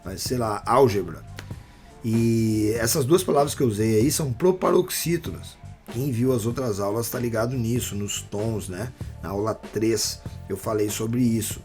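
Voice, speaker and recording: A man with a Brazilian Portuguese accent teaching a casual online rap workshop, explaining things in a relaxed, slangy way with lots of fillers. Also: on the low side, normal speed, faint music behind.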